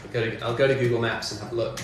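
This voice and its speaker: A man's voice: mid-range voice, steady tone, racing, far from the mic. A man from northwest England, chatting casually on a livestream as he answers comments. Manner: chatty, answers chat comments, talks while working. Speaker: music streamer. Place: home studio, in doors. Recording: very echoey room, off mic, faint background noise.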